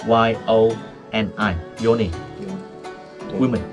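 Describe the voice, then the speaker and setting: Outdoors among ancient temple ruins, a native Vietnamese speaker works as a tour guide, explaining things to visitors in simple, broken, Vietnamese-accented English. He jokes and chuckles a lot. His pitch is fairly low and his intonation fairly even, he talks slowly, and music runs in the background.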